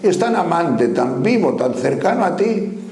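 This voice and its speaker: An older man from Spain preaching a sermon in a lively, questioning way, speaking to his listeners as brothers. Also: on the high side, a little slow. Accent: Spanish from Spain. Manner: animated, rhetorical questions, addresses listeners as brothers. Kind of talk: spoken sermon. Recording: echoey room with faint background noise.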